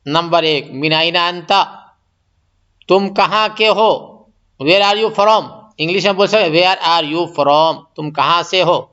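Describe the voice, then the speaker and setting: A man with a high, bright voice teaches an Arabic lesson. He explains each phrase, then repeats it slowly and translates it. The recording is dull and lo-fi. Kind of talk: classroom-style language lesson.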